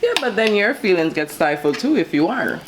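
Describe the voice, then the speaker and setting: A woman's voice: medium pitch, sing-song, a little fast, background noise. A woman co-hosting a food vlog, talking casually and giving her opinions in a conversational way. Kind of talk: casual relationship chat while cooking. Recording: loud sizzling food close by. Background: frying and sizzling on a grill.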